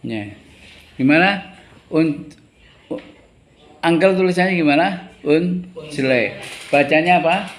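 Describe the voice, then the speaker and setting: A male teacher, an Indonesian speaker, giving a classroom English lesson, explaining slowly, repeating words and putting questions to his students. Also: on the high side.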